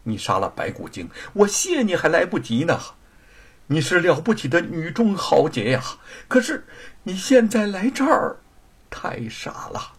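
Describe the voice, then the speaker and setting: A man voicing a gentle young scholar in a storytelling performance, speaking softly and tenderly. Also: sits high, big pitch swings, measured pace, slightly rough, pitched above the performer's own voice, exaggerated voice.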